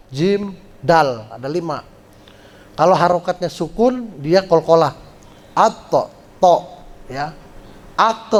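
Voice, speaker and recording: A man teaching Quran recitation rules at a study gathering, explaining patiently and chanting drawn-out syllables to show pronunciation. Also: high voice, darkish tone. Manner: slow, patient explaining with frequent "ya" check-ins. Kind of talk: tajwid lesson at a religious study gathering.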